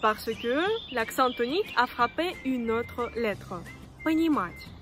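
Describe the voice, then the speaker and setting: A woman who speaks natively gives an online language lesson, patient and lively, repeating words slowly. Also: fairly high pitch, faint music behind. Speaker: Russian teacher.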